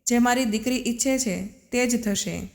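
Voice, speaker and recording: A woman voicing a gentle middle-aged mother who coaxes and soothes her daughter, in a storybook reading. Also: fairly high pitch, a little slow. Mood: soothing. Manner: soothing, coaxing. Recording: long reverb.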